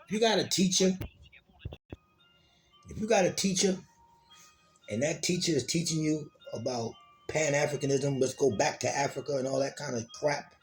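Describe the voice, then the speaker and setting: A man's voice: fairly high pitch, moderate pace, long pauses, faint music behind. A man giving an informal, streetwise lecture as host of his own program, cursing freely, repeating words and calling to his listeners as y'all. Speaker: self-styled teacher of an online program.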